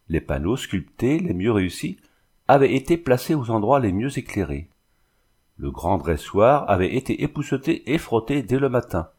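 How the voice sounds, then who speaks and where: A man reading a novel aloud as steady scripted narration, lifting his voice a little for the characters' lines. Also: lowish voice, husky. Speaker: audiobook reader.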